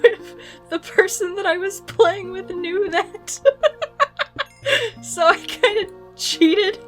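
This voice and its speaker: A woman's voice: high-pitched, a bit bright. A young woman chatting casually while playing a game, giggling often and rambling with restarts. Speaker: gaming video creator. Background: faint game music.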